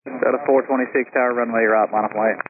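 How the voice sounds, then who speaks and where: A man's voice: medium pitch, steady tone, quick pace. A man working as a tower controller, giving clipped procedural air traffic control instructions over the radio. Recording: narrowband aviation radio with clicks, faint noise.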